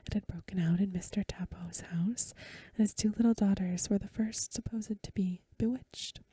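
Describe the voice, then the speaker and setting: Her medium-pitched, steady voice comes as a breathy, hushed whisper as she reads aloud at a measured pace. It's a soft-spoken bedtime ASMR style with no echo.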